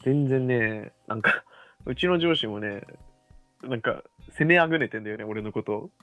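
A man's voice: medium pitch, normal speed, fairly bright tone, no echo, faint music behind. A young man in casual podcast chat, playful and joking, laughing often and drawling slang greetings. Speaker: podcast co-host.

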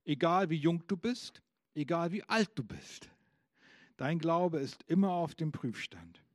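A man's voice: on the high side, lively intonation, measured pace, no room sound, clean studio sound. A man preaching a sermon, asking the congregation questions and reading out scripture with emphasis.

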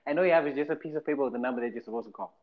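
A man from Zimbabwe with a Zimbabwean accent, hosting a podcast in a casual storytelling chat. He talks in an animated way, repeats phrases and acts out the voices of people in his stories. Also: medium pitch, racing, muffled recording. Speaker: podcast host.

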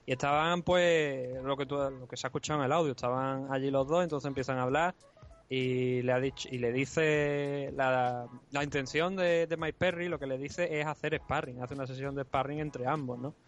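A man's voice: mid-range voice, steady tone, moderate pace, highs cut off, faint music behind. A man co-hosting a podcast in casual chat, recounting stories with asides. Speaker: podcast co-host.

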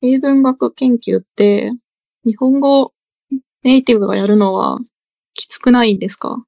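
A woman's voice: on the high side, normal speed, gravelly, dark tone. A woman hosting a casual podcast chat, hesitant and full of fillers. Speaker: podcast host.

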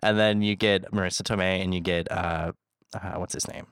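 A man's voice: low-pitched, fairly even intonation, normal speed, fairly bright tone, clear, resonant tone, dry recording. Rambling man on a podcast, dry sound. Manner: rambling, laughing easily, many fillers. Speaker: podcast co-host. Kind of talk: casual chat.

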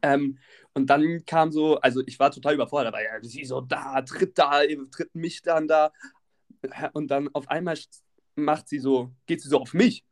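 A young man telling a wild anecdote, acting out the other people's shouted lines in raised voices. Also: a little high, normal speed. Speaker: storyteller. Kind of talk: animated anecdote storytelling.

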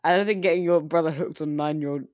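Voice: mid-range voice, fairly even intonation, fast talker, dry recording, dull audio. A friend in a casual chat over a voice call, reacting bluntly and asking questions.

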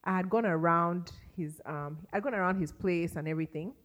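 A woman's voice: lowish voice, a little fast. A woman, a podcast guest telling stories in casual chat and laughing often.

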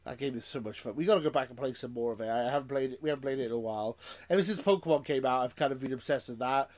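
A man's voice: medium pitch, very fast, darkish tone. A Welsh man co-hosting a gaming podcast in casual chat, laughing often and restarting his sentences. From Wales. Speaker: podcast co-host.

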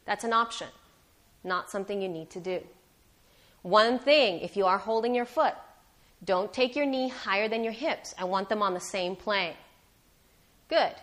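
Female yoga teacher for a live class: careful, unhurried, encouraging step-by-step cues in a mid-pitched voice. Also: fairly bright tone. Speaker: yoga instructor.

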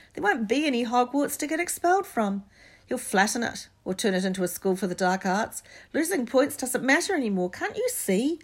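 A woman's voice: mid-range voice, slightly rough, pitched above the performer's own voice. A woman voicing a determined young schoolboy who talks urgently and insistently.

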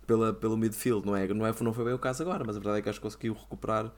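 A man's voice: lowish voice, fairly even intonation, racing, a little mellow. A man with a European Portuguese accent, casually analysing races on a talk show. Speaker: motorsport talk show panelist.

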